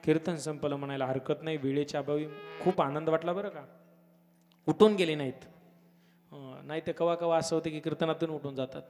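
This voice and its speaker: A man preaching a devotional kirtan sermon at a village gathering, fervent, swelling to loud exclamations. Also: fairly high pitch, steady tone, fairly quick, faint music behind. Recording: long hall reverb with harmonium and tabla.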